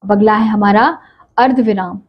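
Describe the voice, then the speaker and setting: महिला शिक्षिका, धीमे धैर्य से समझाती हुई. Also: female voice, medium pitch, lo-fi sound. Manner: patient, explains slowly, asks and answers own questions. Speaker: teacher. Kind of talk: classroom lesson.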